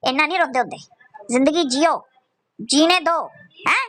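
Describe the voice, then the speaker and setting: A woman's voice: sits high, normal speed, fairly bright tone. A woman roasting someone in crude, mocking, scolding commentary full of profanity.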